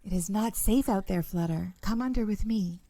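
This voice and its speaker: Woman voicing a soft, wistful girl. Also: medium pitch, normal speed, no echo, close to an everyday voice. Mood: cautious. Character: cautious, dreamy girl hiding under blankets.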